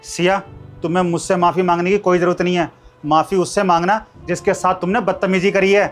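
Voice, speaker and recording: A man's voice: high voice, flat delivery, fairly quick, soft background music, close to an everyday voice. A man playing a stern moralising husband. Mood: firm. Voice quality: lecturing, moralising. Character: upright husband lecturing his proud wife. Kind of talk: amateur short-film acting.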